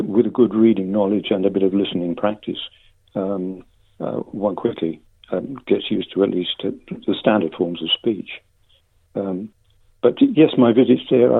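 An older man giving a hesitant, stammering interview with measured academic phrasing over a phone. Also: on the low side, vocal fry, husky. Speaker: interviewee, lexicographer. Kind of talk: interview conversation. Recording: narrow phone-like line.

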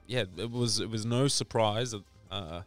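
A man co-hosting a casual basketball podcast, relaxed and quick to chuckle. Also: on the low side, soft background music. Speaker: podcast co-host.

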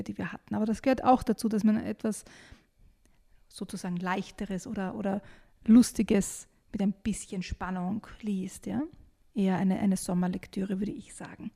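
A woman discussing a children's book and reading an excerpt aloud, lively, raising her voice for the characters' shouts. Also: mid-range voice.

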